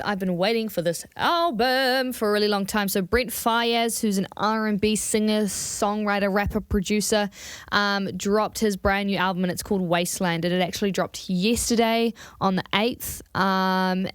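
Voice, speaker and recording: A woman's voice: medium pitch, clean tone, no echo, clean studio sound. A woman co-hosting a podcast, chatting casually and with enthusiasm. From New Zealand. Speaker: podcast co-host. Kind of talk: casual chat.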